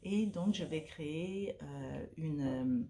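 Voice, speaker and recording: A woman's voice: low-pitched, slow pace, creaky, dark tone. A woman from French Guiana, a sophrologist, talking casually to camera at home with many hesitations and repeated words. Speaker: vlogger and sophrologist. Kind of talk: casual vlog talk to camera. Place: at home, a dog snoring nearby.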